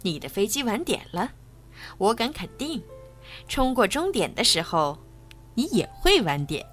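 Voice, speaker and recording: Cast: woman doing a smug, boastful male race car, lively sing-song lines, storybook. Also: on the high side, measured pace, soft background music. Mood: haughty. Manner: haughty and mocking.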